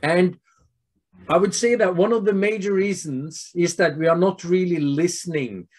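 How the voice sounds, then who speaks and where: A man in his fifties with a Norwegian accent, giving an earnest health presentation to doctors over a video call and pausing often on fillers. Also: high voice. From Norway. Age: 50s. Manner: earnest, steady, with frequent filler pauses.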